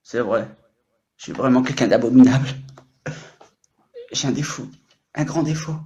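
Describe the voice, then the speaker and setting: A man's voice: mid-range voice, moderate pace, warm tone, lo-fi sound, a little hiss or hum. A man in his late thirties from France with a French accent, talking very freely on an improvised live stream, rambling, jumping between topics and teasing himself and his viewers. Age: late 30s. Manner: teasing and self-mocking. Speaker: livestreamer. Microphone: own microphone.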